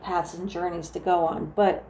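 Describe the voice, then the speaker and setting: A woman with a New Jersey accent talks through a tarot reading in a mellow, dark-toned voice. She meanders with frequent restarts and fillers. The room is echoey, with a faint ambient hum behind her. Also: on the low side, flat delivery, normal speed. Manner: soft, meandering, full of restarts and "like". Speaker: tarot reader. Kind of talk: casual tarot reading to camera.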